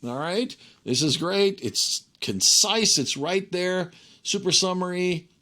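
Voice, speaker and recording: A man's voice: high-pitched, expressive, slow, sharp tone. Man giving an informal technical tutorial. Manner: conversational, checks in with okay and right. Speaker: instructor.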